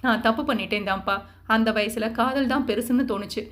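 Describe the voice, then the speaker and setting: A woman's voice: a little high, a little fast, fairly bright tone, lightly acted. A woman voicing a remorseful young woman who pleads tearfully with her father.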